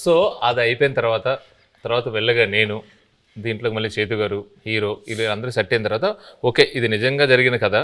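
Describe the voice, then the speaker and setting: Fast-talking man recounting a story. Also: mid-range voice, steady tone, fairly bright tone. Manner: brisk storytelling, joking asides. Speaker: film director. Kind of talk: promo interview answers.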